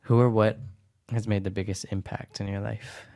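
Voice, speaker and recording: A man's voice: on the low side, flat delivery, moderate pace, dark tone. A man hosting a podcast interview, chatting casually and searching for his words with many fillers. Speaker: podcast host.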